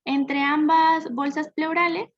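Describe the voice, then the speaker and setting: Young woman, student presenter, hesitant, self-correcting, high pitch, dull lo-fi sound. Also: steady tone, slow pace, dry recording. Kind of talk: class presentation. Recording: dull lo-fi dry recording.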